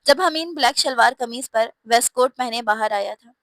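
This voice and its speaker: A woman narrates a romantic novel in a steady, expressive reading voice. Her pitch sits a little high, and the recording is dry and close with no room sound. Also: moderate pace, dry recording. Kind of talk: scripted storybook narration.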